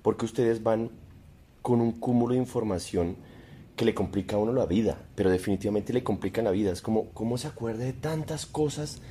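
A man's voice: fairly low pitch, a little fast, warm tone, a little hiss or hum. A man, a podcast guest chatting casually in a joking, rambling, provocative way. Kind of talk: casual chat.

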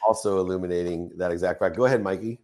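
A male co-host in casual chat, affable and quick with his interjections. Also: sits low, fairly even intonation, a little mellow.

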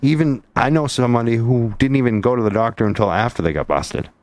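A man co-hosting a casual radio talk show, joking and teasing before turning to the topic. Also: medium pitch. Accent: Boston. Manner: joking and teasing, fast and animated. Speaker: radio co-host.

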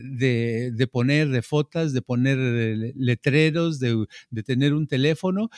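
A man, chatting casually and telling anecdotes in an easy, relaxed way. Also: fairly high pitch, no room sound, studio quality. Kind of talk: casual chat.

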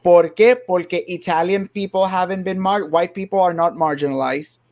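A man's voice: high-pitched, unhurried, darkish tone. A man co-hosting a casual podcast chat, reasoning things out and switching often between Spanish and English. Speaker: podcast co-host.

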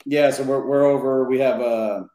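A man talking about his detailing work as a podcast guest, in a lively way with many fillers. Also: medium pitch, normal speed, roomy sound. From Southern California. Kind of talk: casual podcast chat. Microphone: remote podcast call.

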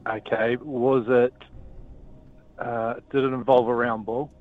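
A man calling into a radio quiz over a phone line, asking halting, hesitant questions. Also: mid-range voice, flat delivery. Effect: heard over a phone line. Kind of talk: casual call-in chat. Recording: tinny phone line with faint music.

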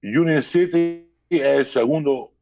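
A middle-aged Cuban-born man raised in New Jersey, whose accent reflects both, appears as a guest comedian in a loose, joking video-call interview. He mixes Spanish with English, speaking slowly in a fairly high, creaky voice over music.

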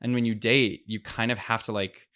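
A man's voice: on the low side, steady tone, normal speed, sharp tone. A young man chatting as a guest on a podcast, rambling with lots of fillers and restarts. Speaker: guest comedian. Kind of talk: casual podcast chat.

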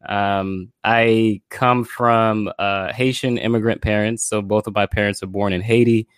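Man, low voice, dry sound, interview guest, reflective, fillers. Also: unhurried, clear, resonant tone, dry recording. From Florida, USA. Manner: relaxed, reflective, many fillers. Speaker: podcast guest, filmmaker and brand strategist. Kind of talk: casual interview conversation.

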